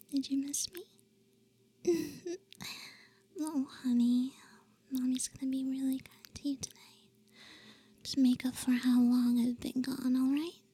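In a high, breathy whisper, a young woman performs an audio roleplay for the listener. Her tone is soft, teasing, and affectionate, with little hums between phrases.

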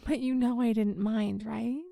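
A woman speaking softly and intimately in an audio roleplay, hushed and coaxing, sometimes dropping to a whisper, close to the mic. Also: fairly high pitch, fairly even intonation, unhurried, vocal fry, no echo.

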